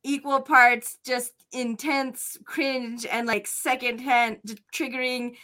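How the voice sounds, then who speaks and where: A woman's voice: on the high side, flat delivery, slow pace, bright, forceful tone. A woman hosting a casual interview, talking in an informal, giggly way. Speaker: host.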